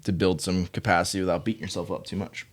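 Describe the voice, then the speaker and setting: A man hosting a casual gym podcast, relaxed and full of fillers as he explains workouts. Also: low voice, quick pace, a little hiss or hum. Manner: relaxed, filler-heavy, laughs often. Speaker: gym coach and podcast host.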